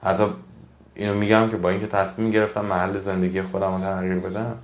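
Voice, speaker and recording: A man's voice: deep voice, flat delivery, roomy sound. A man giving a motivational talk to his audience, earnest and preachy, repeating phrases for emphasis. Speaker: motivational speaker.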